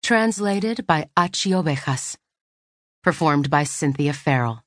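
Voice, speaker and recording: A woman narrating a novel in measured audiobook storytelling on a close studio mic. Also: deep voice, expressive, dry recording.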